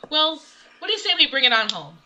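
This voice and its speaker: A woman's voice: sits high, very animated, fast talker, very noisy. A woman co-hosting a podcast, chatty and agreeable in casual talk. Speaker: podcast co-host. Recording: dull lo-fi sound.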